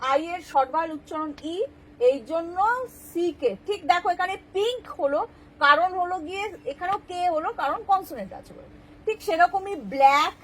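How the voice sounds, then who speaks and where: A woman's voice: very high voice, a bit bright, rough recording. A woman teaching English spelling rules, patiently explaining and checking that the class understands.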